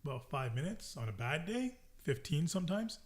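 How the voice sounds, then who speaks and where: A man's voice: a little high, big pitch swings, slightly rough. A man co-hosting a casual podcast chat, agreeable and casually profane. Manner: quick, agreeable, laughs easily, swears casually. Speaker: podcast co-host.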